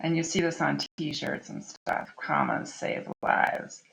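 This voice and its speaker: A woman's voice: low voice, takes it slowly, gravelly, a bit bright. A woman teacher giving a recorded grammar lesson to her students, explaining in a chatty way and checking in with "okay?" often. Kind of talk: recorded online class lesson.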